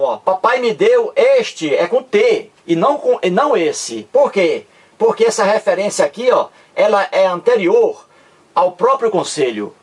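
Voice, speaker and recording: A man teaching grammar to online viewers in a casual lesson. He keeps saying "look here" and slows way down to stress example phrases. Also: high-pitched, breathy edge.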